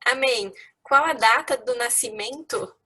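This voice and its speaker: A woman's voice: on the high side, unhurried, bright, forceful tone, slight background noise. A woman interviewer asking polite, formal questions.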